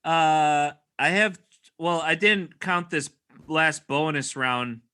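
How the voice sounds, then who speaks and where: Bright-voiced man, casual and unsure. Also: fairly high pitch, takes it slowly, clean tone. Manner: self-deprecating, unsure. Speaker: podcast co-host. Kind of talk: casual chat.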